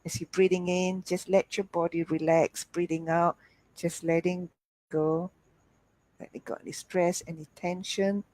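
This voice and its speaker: A woman giving a softly spoken guided relaxation as a healer, in a soothing, gentle, calming manner. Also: fairly low pitch, no room sound, low-quality recording. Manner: slow, gentle, calming instruction. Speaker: healer hosting an online healing show.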